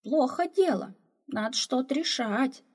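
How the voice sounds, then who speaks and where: A woman's voice: high-pitched, animated, a little slow, darkish tone, pitched above the performer's own voice. A woman reading the part of a huge, kindly old female slave cook who fusses and sighs over a runaway girl. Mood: worried. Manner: fussing, motherly, sighing.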